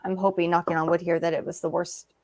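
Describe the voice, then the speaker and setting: A woman's voice: lowish voice, little pitch movement, fast talker, darkish tone. Woman guest author, conversational storyteller, filler-heavy, acts out what others said. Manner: chatty, many fillers, acts out quoted remarks. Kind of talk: casual interview storytelling.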